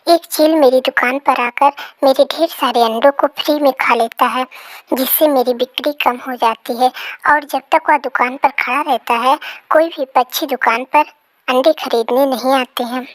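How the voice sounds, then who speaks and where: A woman doing a hardworking male pigeon in a cartoon story, polite, gentle, high voice, dry sound. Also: fairly even intonation, moderate pace, no room sound, close to an everyday voice.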